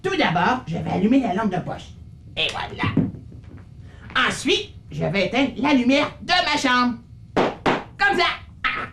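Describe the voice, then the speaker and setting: Woman voicing a gravelly, bouncy childlike puppet. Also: a little high, very animated, unhurried, long pauses, background noise. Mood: curious. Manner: playful, stammering, wonder-struck. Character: curious, childlike little male puppet character. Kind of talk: children's puppet show acting.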